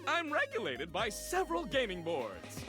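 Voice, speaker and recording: High-pitched, showy loot salesman. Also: huge pitch swings, normal speed, music in the background, exaggerated voice. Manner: salesy, showy announcer delivery. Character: cheerful armored loot-box salesman, slick warrior merchant. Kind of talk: video game character voice acting.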